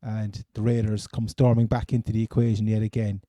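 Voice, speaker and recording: Cork man, very mellow, rambling talker. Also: lowish voice, level tone, fairly quick, dry recording. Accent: Cork, Irish. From Cork, Ireland. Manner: rambling, stammering, repeats phrases. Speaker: sports podcast co-host. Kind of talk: casual American football chat.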